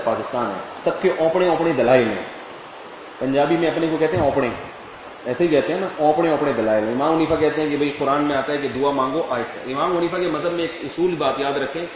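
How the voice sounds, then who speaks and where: In a large hall full of echo, an Islamic scholar lectures on religion and takes questions, explaining casually and checking comprehension through rhetorical questions. His voice is a little high and a little mellow, heard from a distance through a dull mic with a faint hiss.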